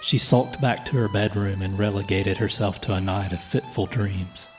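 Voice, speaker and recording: A man with a very deep, low voice reads a folk horror tale as scripted narration. His reading is slow, measured and solemn. Music plays clearly under his voice. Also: fairly even intonation. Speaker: storyteller.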